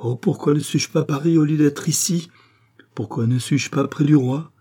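A man's voice: a little high, moderate pace, pitched above the performer's own voice, close to an everyday voice. A man voicing a furious, ironic queen. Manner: sharp, ironic, rising to fury. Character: proud, wounded queen, imperious woman. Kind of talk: audiobook reading.

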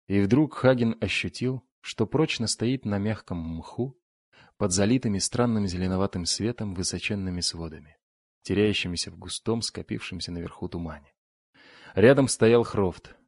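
Male audiobook narrator; low-set voice, dry close-mic studio sound, steady and dramatic. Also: dry recording. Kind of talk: scripted narration.

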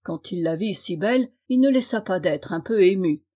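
A woman reading a classic fairy tale aloud in an expressive, measured way. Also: lowish voice, breathy edge. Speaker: storyteller.

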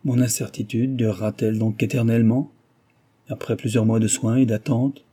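A man's voice: mid-range voice, little pitch movement, normal speed, dark tone, slightly rough, close to an everyday voice. A man voicing an impatient baronet suitor in a read-aloud novel.

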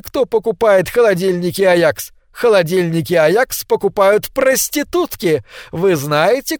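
A man voicing a mocking loudspeaker advertisement that shouts a jeering sales pitch. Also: no echo, studio quality.

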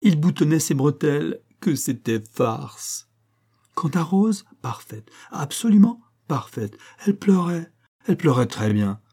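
A man's voice: a little high, sing-song, unhurried, dark tone, slightly rough, voice pushed up, full character voice. A man voicing a gleeful young society wife, gossipy and full of amusement. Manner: gossipy, breathless with amusement when retelling.

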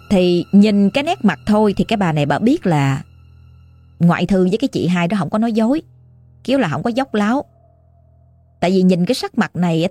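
Warm-voiced Southern Vietnamese woman telling ghost stories. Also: medium pitch, no room sound. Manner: chatty, addresses listeners directly. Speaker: ghost story narrator. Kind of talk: casual storytelling.

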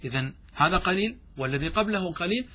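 A man's voice: high voice, expressive, pushed and bright, husky. Man teaching grammar, asks and answers himself. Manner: asks questions then answers them himself, chants verses slowly. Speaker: sheikh teaching Arabic grammar. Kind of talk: classroom lesson explaining verse.

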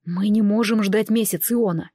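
A woman's voice: medium pitch, fairly even intonation, moderate pace, warm tone, no room sound, natural voice. A woman reading an audiobook, voicing a terse, protective grown man. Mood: urgent.

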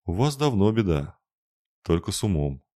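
A man's voice: deep voice, big pitch swings, moderate pace, warm tone. A man voicing a stern, motherly female spirit who scolds everyone. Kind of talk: audiobook narration.

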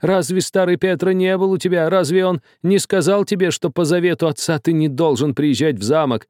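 A man voicing a frightened, trembling old male doctor who talks in a shrill, agitated and pleading way. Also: normal speed, a little mellow, dry recording, clean studio sound, close to an everyday voice. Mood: frantic.

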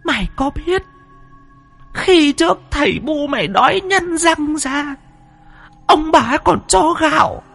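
A shrill, nagging village wife , put on by a male narrator, in a high falsetto that swoops widely. She scolds and fusses in this spoken ghost story. Soft music plays underneath. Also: lively intonation, slow pace, vocal fry, long pauses, exaggerated voice. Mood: fearful reproach.

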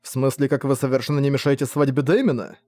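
A man voicing a calm, cheeky young male magician who answers his parents flatly, in an audiobook. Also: medium pitch, fast, dry recording, natural voice. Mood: defiant.

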